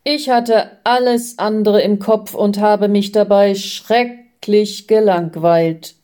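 A woman's voice: mid-range voice, fairly even intonation, slow, mellow, close to an everyday voice. A woman voicing a fretful doubting man. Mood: disappointed. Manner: frets and complains, rising to agitation. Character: a restless, doubting grown man seeking Jesus.

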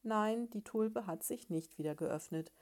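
Woman voicing a drowsy, exhausted male beetle in a storybook, murmuring slowly. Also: mid-range voice, a little mellow, close to an everyday voice. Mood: sleepy. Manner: drowsy, murmured, half-whispered answers. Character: sleepy, worn-out husband beetle, male.

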